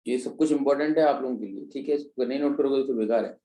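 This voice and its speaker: A man's voice: medium pitch, fast talker, mellow, reverberant, poor audio. A man teaching an exam-prep class in speech, explaining step by step and often checking in with his students. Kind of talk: classroom lecture.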